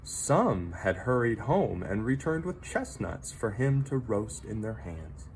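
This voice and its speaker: A man teaching reads a children's picture book aloud in a slow, dramatic style with very lively pitch movement and effect pauses. There's noticeable background noise, and the recording is low quality.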